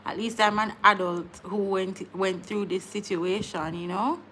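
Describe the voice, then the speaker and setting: A woman's voice: medium pitch, fairly even intonation, measured pace, a bit bright, a little hiss or hum. A woman, hosting a casual live stream, chatting with viewers, laughing often and repeating words as she talks. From Jamaica. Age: 30s. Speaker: livestream host.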